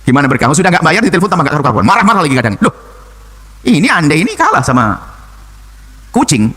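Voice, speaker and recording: Rapid, animated older preacher man. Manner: animated, jumping from low murmurs to high exclamations. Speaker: preacher answering a question. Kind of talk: sermon.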